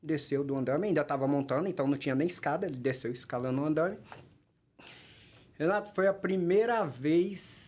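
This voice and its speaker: Husky-voiced Brazilian man, forties, podcast guest; animated anecdotes with acted-out dialogue. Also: on the high side, brisk. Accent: Brazilian Portuguese. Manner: animated, acts out dialogue in his stories. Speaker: podcast guest, workplace safety technician. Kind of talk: anecdotal storytelling in a podcast interview.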